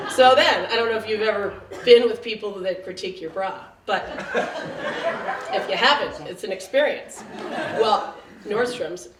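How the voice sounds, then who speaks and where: A woman in her late forties tells a chatty, self-mocking story on stage. The mic is some way off in a roomy space, with steady noise behind her. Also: mid-range voice. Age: late 40s. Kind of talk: live comic storytelling. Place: theater stage before an audience. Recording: roomy, distant, noisy live room.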